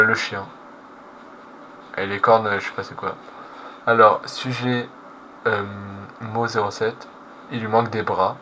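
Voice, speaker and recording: A man with a lowish voice and a bright, forceful tone hosts a reaction video, giving casual, slangy commentary live while translating on the fly. He hesitates and corrects himself as he talks. Background noise is clearly audible.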